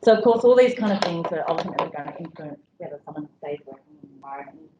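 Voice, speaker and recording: A woman's voice: low voice, expressive, very fast, recorded from a distance, heavy background noise. A woman presenting an educational session to health staff, chatty and conversational with frequent ums and you-knows. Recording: dull, echoey room audio from afar.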